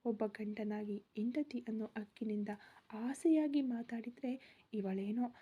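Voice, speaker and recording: A woman voicing an amorous, headstrong young husband, speaking in a hushed, intimate way that flares into heated outbursts. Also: fairly high pitch, measured pace, slightly rough, narrow, tinny audio. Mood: bitter.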